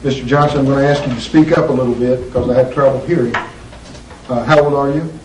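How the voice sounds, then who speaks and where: A male attorney in a deposition, recorded courtroom-style, asking formal questions in a deliberate, measured way with frequent pauses. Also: medium pitch, fairly even intonation. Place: deposition room. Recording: roomy echo, distant mic, faint hiss.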